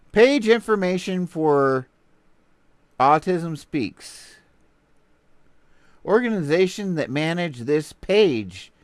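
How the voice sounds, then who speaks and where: A man's voice: fairly high pitch, no echo. A man with a Texan accent hosting a casual livestream, rambling playfully and greeting viewers while he browses. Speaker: livestream host.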